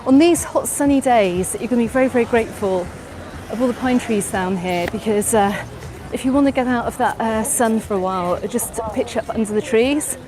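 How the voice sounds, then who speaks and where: A slightly high, slightly fast voice belongs to a middle-aged woman from England, vlogging a live walking tour with music in the background. Outdoors on a bustling beach promenade at dusk, she answers viewers' questions as crowds chatter and traffic passes.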